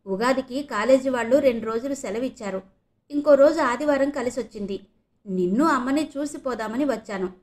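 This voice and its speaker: A woman's voice: on the high side, brisk, darkish tone, lightly acted. A woman voicing a polite young man, a medical student visiting his parents, in an audio novel reading.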